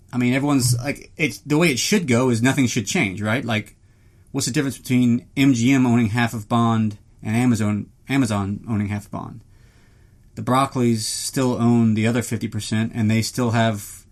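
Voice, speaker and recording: Guy doing a podcast alone in his closet, mid-range voice, rambly and jokey, makes fun of himself, swears a bit. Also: mid-range voice. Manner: self-deprecating, joking, profane. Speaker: solo podcast host. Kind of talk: casual rambling solo podcast chat. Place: small closet indoors.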